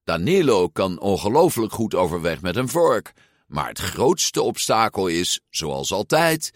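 A man voicing an outspoken, quick-witted young girl in a storybook reading. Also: low-pitched, big pitch swings, no echo, studio quality, exaggerated voice. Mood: wry. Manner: determined, outspoken.

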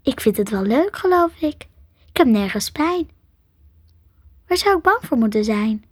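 A nervous young girl murmuring her thoughts in soft whispers, as a woman reads her. The voice sits a little high and close to the mic, dry. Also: expressive, a little slow, slightly rough, dry recording. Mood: wondering.

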